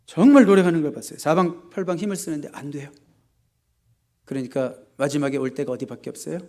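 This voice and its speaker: A male pastor preaching in church, asking the congregation questions and answering them himself, with sharp rises for emphasis. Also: fairly high pitch, quick pace. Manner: emphatic, often rising sharply for stress. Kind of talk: sermon. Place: church sanctuary.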